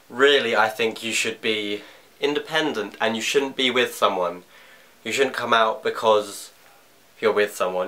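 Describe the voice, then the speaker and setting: A young man telling a personal story in a confessional vlog from his bedroom at home, in a halting, reflective way. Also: on the low side, sharp tone. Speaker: vlogger.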